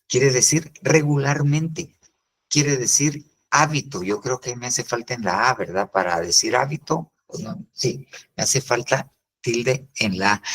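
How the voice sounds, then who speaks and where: An older man teaching a virtual Bible discipleship class, explaining step by step and often pausing with "entonces". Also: medium pitch, gravelly, husky, poor audio. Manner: explains slowly, pauses with "entonces" and "fíjese bien". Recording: live stream.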